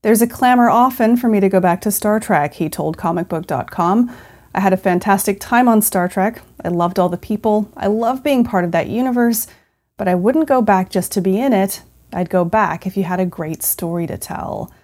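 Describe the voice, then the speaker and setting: A woman hosting a news podcast, reading scripted stories in a measured, clearly phrased manner. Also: mid-range voice, darkish tone.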